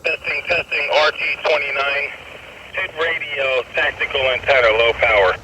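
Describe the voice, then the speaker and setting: A man's voice: medium pitch, moderate pace, muffled recording, noisy background. A man doing radio test call-outs, his own voice heard back through a handheld walkie-talkie speaker. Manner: flat, clipped call-out delivery. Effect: own voice played back through a walkie-talkie speaker. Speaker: radio hobbyist testing handhelds.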